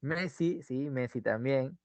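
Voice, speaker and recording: This online language teacher has a mid-range, darkish voice and a Peruvian Spanish accent. He draws out his words in a slow teacherly way, pausing to check in with the class through "¿no?" and "ujú". There's no room sound; the close-miked audio is dry, dull and muffled.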